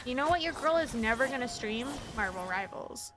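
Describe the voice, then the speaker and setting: High-voiced woman, rambling stream chat. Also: expressive, fairly quick, noisy background. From American Midwest. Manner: rambling and chatty, heavy on fillers, laughs often. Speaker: VTuber game streamer. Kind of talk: casual gaming stream chat. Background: game music.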